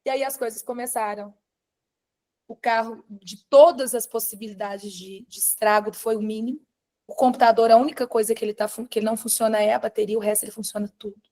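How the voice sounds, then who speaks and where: Lively woman telling a story. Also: on the high side, a little fast. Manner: animated, confiding, addresses students by name. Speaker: course instructor. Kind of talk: emotional storytelling in a live class.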